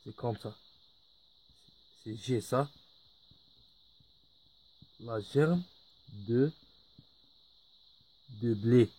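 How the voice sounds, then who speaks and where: A man's voice: mid-range voice, very slow, long pauses, warm tone, husky. A man teaching a lesson in French, patiently repeating each word. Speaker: Arabic teacher. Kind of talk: slow spoken lesson.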